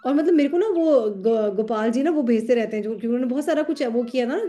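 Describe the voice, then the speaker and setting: Lively Hindi-English chatting woman. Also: a little high, quick pace, faint music behind. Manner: animated storyteller acting out dialogue. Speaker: tarot student. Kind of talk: casual chat.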